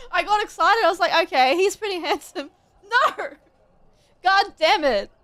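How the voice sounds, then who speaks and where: A young woman streaming a fantasy game, excitable, swearing and laughing as she comments. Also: very high voice, a little slow. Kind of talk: gameplay commentary.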